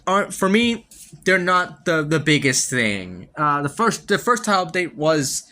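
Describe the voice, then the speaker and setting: Animated man ranting about a game. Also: a little high, unhurried. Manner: rambling, frequent restarts, casual swearing; laughs wryly between points. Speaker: podcast host. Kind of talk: casual solo game review talk.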